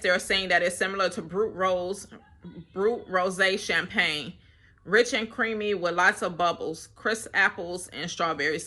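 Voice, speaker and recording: Bright-voiced chatty woman vlogger. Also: lowish voice. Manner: chatty, laughs often, rambling. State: slightly winded. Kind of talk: casual chat.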